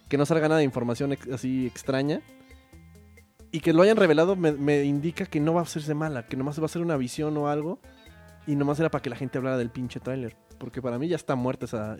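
A man's voice: fairly high pitch, brisk, darkish tone, soft background music. A man with a Mexican accent co-hosting a podcast, chatting about films with blunt opinions, heavy slang and swearing. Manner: opinionated, heavily slangy, profane. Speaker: podcast co-host. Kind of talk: casual chat about films.

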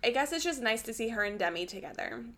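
A woman's voice: a little high, big pitch swings, quick pace, fairly bright tone. A woman co-hosting a podcast, chatting casually with many fillers and steering the conversation with questions. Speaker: podcast co-host. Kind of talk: casual chat.

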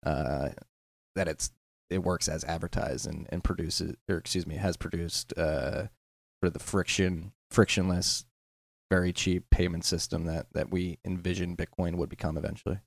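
A man with a very deep voice and a gravelly, fry-heavy texture. He talks as a podcast guest in a loose, unscripted way. He often hesitates and downplays what he knows, and the dry, close sound has no room echo. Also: fairly even intonation, moderate pace. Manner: hesitant, self-deprecating, many fillers. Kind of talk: casual podcast conversation.

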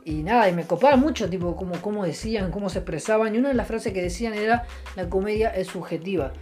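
A man's voice: high-pitched, fast, darkish tone, faint music behind. A young man with an Argentine Rioplatense accent telling a rambling stand-up story with a sarcastic, offhand tone, full of restarts and fillers, chuckling at his own jokes. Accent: Argentine Rioplatense Spanish. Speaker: comedian.

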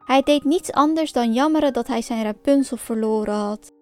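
A woman reading a fairy tale aloud as a storyteller, in a calm, clear storybook manner. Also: sits high, normal speed, faint music behind.

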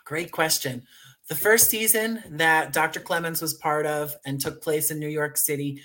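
An American audio drama writer and producer appears as a guest in a conversational interview. His voice is fairly high for a man and a bit bright, and he speaks effusively, gratefully and playfully.

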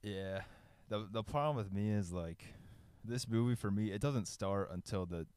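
A man's voice: fairly low pitch, moderate pace, darkish tone, clear, resonant tone. A young man co-hosting a podcast in casual chat, laid-back and rambling, full of "dude" and "like". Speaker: podcast co-host.

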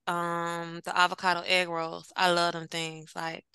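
A woman co-hosting a podcast, telling a story in an animated, casual way and laughing often. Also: lowish voice, a little slow, clear, resonant tone, dry recording. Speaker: podcast co-host. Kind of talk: casual chat.

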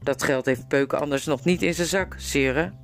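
A grave middle-aged lord speaks with courtly, measured earnestness, as a woman puts him on. The voice sits well below the reader's usual tone and keeps a steady, respectful gravity. A faint guitar plays in the background of this storybook reading. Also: deep voice, voice pushed down. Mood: earnest.

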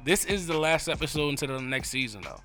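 A man's voice: a little high, animated, pushed and bright, soft background music. A man hosting a casual podcast, joking around and asking his guests questions. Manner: quick, joking, interviewing. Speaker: podcast host.

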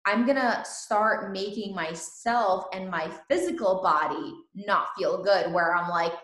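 A woman host born in Ukraine, chatting casually in an interview and laughing often. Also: medium pitch. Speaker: podcast host. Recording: echoey room.

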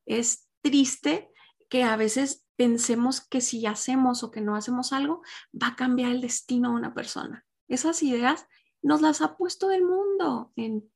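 A woman's voice: sits high, unhurried, gravelly. Woman teaching women a devotional lesson. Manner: warm, conversational, asks the listeners questions. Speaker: Bible study teacher for women.

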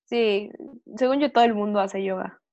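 A woman's voice: mid-range voice, moderate pace. A woman with a Mexican accent chatting casually and informally as a podcast guest, with plenty of slang, in a slightly lo-fi recording.

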